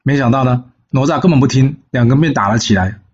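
A man telling a classic legend in a folksy way, often pausing on fillers. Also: medium pitch, a little mellow. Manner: folksy, with frequent filler pauses. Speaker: storyteller. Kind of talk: storytelling narration. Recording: slightly dull lo-fi recording.

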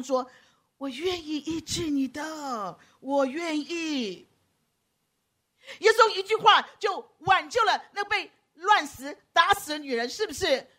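A woman preacher, giving a lively sermon, teasing her listeners by name and acting out quoted voices. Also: high-pitched. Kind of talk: lively sermon with audience banter.

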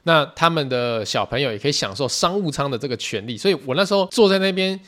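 A man in his thirties with a Taiwanese Mandarin accent, hosting a solo podcast and telling stories in a chatty, animated way. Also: fairly high pitch, quick pace. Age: 30s. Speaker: podcast host.

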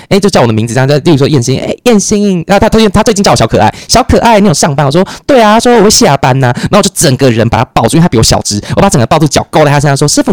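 A man with a Taiwanese Mandarin accent talks at a rapid clip in a casual podcast chat. His pitch leaps up and down lively as he acts out the people in his stories. The recording is close and dry. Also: no echo. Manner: rapid, animated storytelling with playful quoted voices. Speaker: podcast guest.

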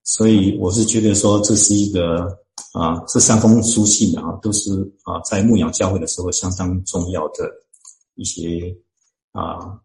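A man, a church deacon and author, explains scripture in an interview, talking earnestly and slowly finding his words with many drawn-out fillers. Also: sits low, steady tone, creaky, darkish tone, reverberant, poor audio. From Chinese-speaking, living in Canada.

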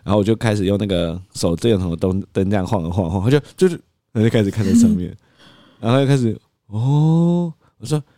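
Thirties man, lowish voice, very lively pitch, laughs a lot; dry close recording. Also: quick pace, dry recording. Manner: animated, acts out quotes, laughs often. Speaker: podcast host. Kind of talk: casual storytelling.

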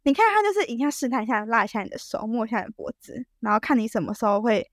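A woman telling a story as a podcast guest, animated and full of restarts. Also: a little high, very fast, no room sound, studio quality. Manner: animated, acts out quoted dialogue, frequent restarts.

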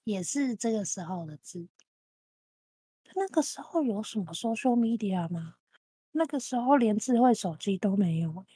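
Podcast co-host, woman in her 30s, husky voice, dry close mic, animated storyteller. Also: medium pitch, normal speed, no room sound. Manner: animated storytelling, repeats phrases. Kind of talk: casual chat.

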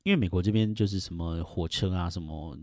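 Man, middle-aged, very low voice, dry close sound, casual rambling podcast host. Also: a little fast, a little mellow, no echo. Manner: rambling, chuckling, with many fillers and mimicked quotes. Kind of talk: casual solo podcast chat.

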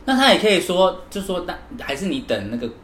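A man's voice: high-pitched, big pitch swings, fast, a bit bright. A man, co-hosting a casual podcast and chiming in with short reactions and questions. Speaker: podcast co-host. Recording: echoey room, faint hiss.

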